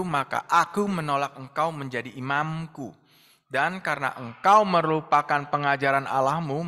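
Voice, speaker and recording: Male co-leader, bright animated voice, reads verses and calls on people, reverberant sound. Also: on the high side. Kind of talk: reading scripture aloud, moderating.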